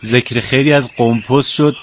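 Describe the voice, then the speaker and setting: A man's voice: medium pitch, steady tone, a little hiss or hum. A man hosting a radio interview, chatting in a friendly, complimentary way with his guest. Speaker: radio host.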